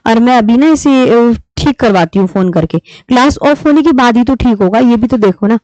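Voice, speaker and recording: A woman teaching a live online class with a fairly high voice, patient and deliberate as she drills key terms. The sound is dry, close and a little dull, like lo-fi stream audio. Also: lively intonation, darkish tone, no room sound. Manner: patient, repeats key terms slowly for students.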